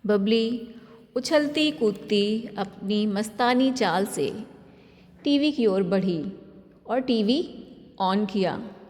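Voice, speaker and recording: Slow, unhurried woman storyteller with reverb. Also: mid-range voice, animated, a little mellow. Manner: unhurried, shifts tone for each family member's quoted lines. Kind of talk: scripted narration.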